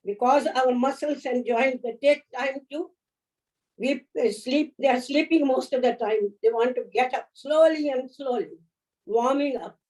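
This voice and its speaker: A woman leading a yoga class, giving gentle, unhurried instructions, counting holds and offering encouragement. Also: sits high. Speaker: yoga teacher. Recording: voice from a distance off the mic.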